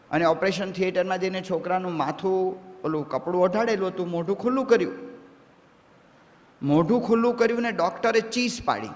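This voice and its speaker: A male monk giving a sermon in speech, telling stories slowly and putting questions to his listeners. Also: high-pitched. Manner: slow, story-telling delivery with rising questions to the audience. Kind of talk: sermon with storytelling. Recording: long hall reverb.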